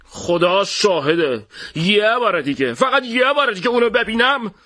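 A man voicing a hot-tempered, bullying male shopkeeper in an audiobook, with a shouting, threatening delivery. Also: high voice, expressive, pitched above the performer's own voice. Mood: furious, threatening. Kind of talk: audiobook character voice.

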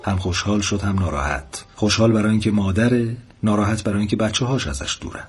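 A male host tells a story at a gentle, expressive pace. His voice is low and husky. He narrates with care. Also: soft background music.

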